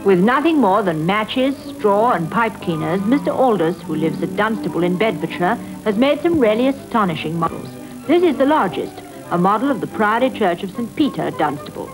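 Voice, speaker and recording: A woman giving crisp, formal 1950s newsreel narration over music. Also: medium pitch, big pitch swings, normal speed, poor audio.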